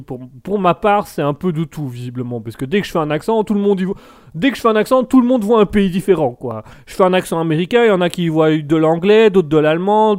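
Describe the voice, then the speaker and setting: A man hosting a live show in a loose, joking way, stopping and restarting his sentences often. His voice sits a little high for a man. He rambles as he reads out messages from the chat. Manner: jokey and rambling, with many restarts. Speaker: live stream host. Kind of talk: casual live chat reading viewer messages.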